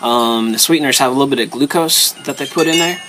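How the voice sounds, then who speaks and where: A man casually talking through a hands-on demonstration step by step, in terse, short phrases with pauses between them. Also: medium pitch, music in the background, rough recording. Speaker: host of a pipe hobby video series.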